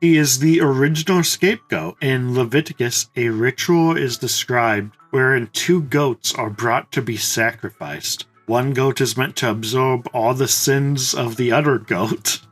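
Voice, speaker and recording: A man's voice: mid-range voice, a little slow, few pauses, husky, soft background music. Jokey young man commenting on a game. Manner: jokey, irreverent, deadpan asides. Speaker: let's play host.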